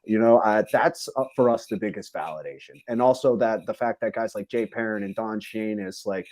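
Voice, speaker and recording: A man's voice: on the low side, steady tone, brisk, darkish tone, no room sound. A man from a fight promotion, a podcast guest, talking at length in a casual interview with many fillers. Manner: talkative, rambling with many fillers.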